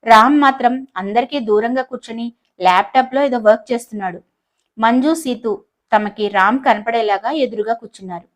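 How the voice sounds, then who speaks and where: A woman narrating a romantic audiobook story in a calm storytelling manner. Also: a little high, normal speed.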